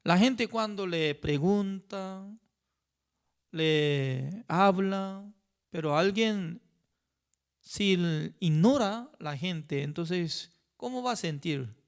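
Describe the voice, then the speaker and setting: A male pastor teaches a Bible study at an unhurried, deliberate pace. He speaks in halting, simple sentences, often pausing to check in with his listeners. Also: sits high, vocal fry, clean tone. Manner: halting, with frequent rhetorical "¿no?" asides; non-native phrasing with simple grammar.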